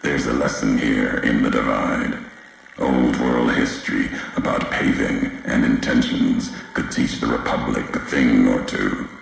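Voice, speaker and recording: For a video game, a brooding, vengeful male wanderer of the wasteland, obsessed with history, delivers a slow monologue in a full character voice. His very deep, gravelly voice speaks in cryptic, deliberate, clipped fragments with weighty pauses, solemn and probing. Heavy echo rings on every phrase over faint background noise.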